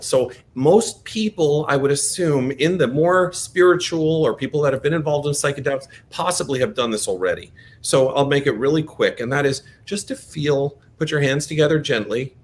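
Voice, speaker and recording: Guy teaching breathwork, gentle step by step, mid pitched voice, bit of rumbly noise behind him. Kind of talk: guided exercise instruction. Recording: noisy background with low rumble.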